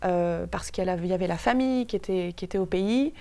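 A woman's voice: on the low side, fast talker, dark tone. Hesitant young Frenchwoman in studio interview. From France. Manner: thoughtful, many hesitations and restarts. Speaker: guest. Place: TV studio set. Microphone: lapel.

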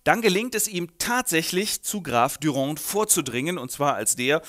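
A man's voice: fairly high pitch, animated, moderate pace, fairly bright tone. Jokey male literature narrator. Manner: jokey, colloquial, ironic. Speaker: host, literature summarizer. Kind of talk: comic literature summary narration.

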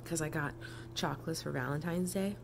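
A woman with a low voice, roughened by a cold, talking to her viewers in a chatty, eager vlog. The recording carries a clear layer of background noise from her home. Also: fairly quick. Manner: chatty, eager, thinks aloud. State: sick, rough voice. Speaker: vlogger. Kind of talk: casual vlog chat. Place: home kitchen.

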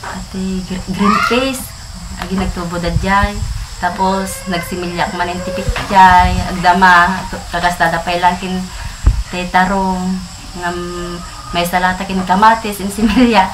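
A woman's voice: fairly low pitch, fairly even intonation, measured pace. A middle-aged woman farmer from the Philippines speaks hesitantly in a documentary interview, often trailing off. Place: indoors, seated in a dim room. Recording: indoor interview with audible background noise.

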